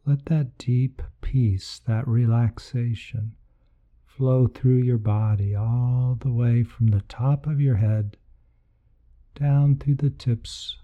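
Guy doing guided meditation, super mellow dark voice, slow n gentle, soothing. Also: mid-range voice, fairly even intonation. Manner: soothing, gentle, unhurried delivery with soft breathy moments. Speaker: meditation podcast host.

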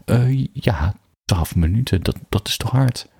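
A man's voice: lowish voice, expressive, measured pace, vocal fry, warm tone, breathy edge, dry recording, studio quality, pitched above the performer's own voice, full character voice. A man voicing his insecure, tearful young student girlfriend in a read-aloud story, speaking timidly and pleading. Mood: unsure.

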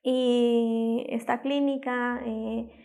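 A woman's voice: fairly high pitch, flat delivery, extremely slow, dark tone. A young woman, an interview guest telling a personal testimony, acting out the quoted exchanges as she speaks.

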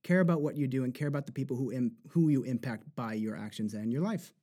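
A man guest, a performer, talking earnestly and slowing down as he reflects on what matters to him. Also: medium pitch, dark tone. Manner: earnest, slows down when reflecting. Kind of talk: reflective interview talk.

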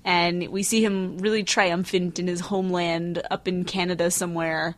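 A woman's voice: on the low side, level tone, normal speed. Chatty woman co-hosting a podcast. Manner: chatty and laughing, with many likes. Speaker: podcast co-host. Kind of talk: casual chat.

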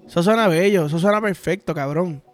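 A man with a Puerto Rican Spanish accent hosts a podcast, delivering a crude, rambling, profane comic monologue. His voice is high and a little fast, with faint music in the background.

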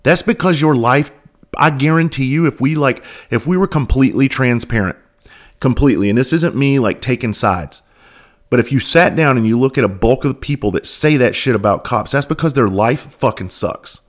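A man's voice: mid-range voice, expressive, moderate pace. A man who used to be a police officer, hosting a podcast and talking bluntly in a casual monologue, full of swearing and rhetorical questions. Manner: repeats words when starting sentences.

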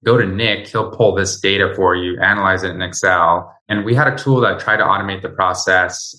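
Deep bright-toned guy from bosnia chatting as a podcast guest, keeps saying right?. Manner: conversational, often tags sentences with "right?". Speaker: podcast guest, startup founder. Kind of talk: casual interview talk.

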